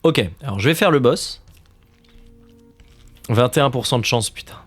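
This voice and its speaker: A man in his thirties gives casual commentary while he streams a game. He grumbles and swears at it, and sometimes drops to a near-whisper under his breath. His voice sits at an ordinary middle pitch. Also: animated, moderate pace, husky, faint music behind. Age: 30s. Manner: exasperated, swears a lot, drops to muttered whispers.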